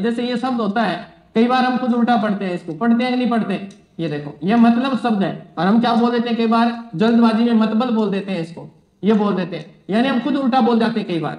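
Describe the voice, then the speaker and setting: In an echoey room, a man with a very high-pitched yet darkish voice teaches an exam-prep psychology class. He repeats key phrases and poses questions that he then answers himself.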